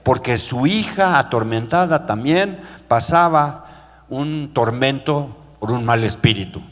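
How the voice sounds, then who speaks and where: A middle-aged male pastor preaching a sermon with passion, calling out to his congregation and lifting his voice high when he quotes cries for mercy. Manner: impassioned preaching, pitch rising into shouted quotes; addresses congregation as brothers. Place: church sanctuary. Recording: long church-hall reverb.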